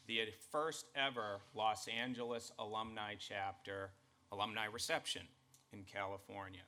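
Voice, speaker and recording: A man with a Boston accent gives a formal state-of-the-college address, measured and emphatic in his delivery. His voice sits a little low but has a bright, forceful edge. He speaks in an earnest tone. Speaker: college president.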